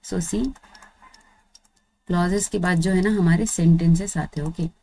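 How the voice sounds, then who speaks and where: A woman's voice: fairly low pitch, fairly even intonation, measured pace, vocal fry, dark tone. A woman teaching basic spoken English, explaining step by step and checking in with "right?" and "okay?", mixing English phrases into her talk. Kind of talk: Hinglish spoken English lesson.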